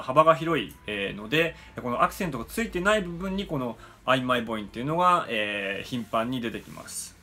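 A man teaching English pronunciation in a lesson, pausing often on "eh" fillers and slowly demonstrating sounds. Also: medium pitch, pushed and bright, a little hiss or hum. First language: Japanese. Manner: frequent "eh" fillers, slow careful demonstrations.

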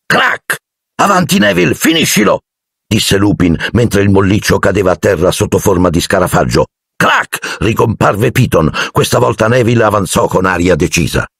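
Deep gravelly male audiobook narrator. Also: fairly quick, hardly any pauses, no echo, studio quality. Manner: dramatic, animated, voices each character.

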